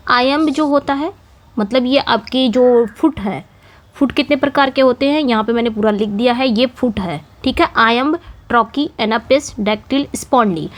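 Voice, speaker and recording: A woman English teacher giving an exam-prep lecture on poetic meter, explaining patiently and repeating her points with frequent checks for understanding. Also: sits high. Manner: repetitive teacherly explaining with frequent "theek hai" and "okay" checks.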